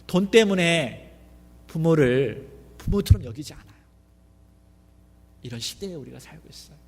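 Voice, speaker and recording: Guy pastor preaching, kinda high voice, keeps asking the church questions, big echoey hall. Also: animated, normal speed, a little mellow, husky. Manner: asks the congregation many questions. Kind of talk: sermon. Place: church sanctuary. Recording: long reverb of a church hall.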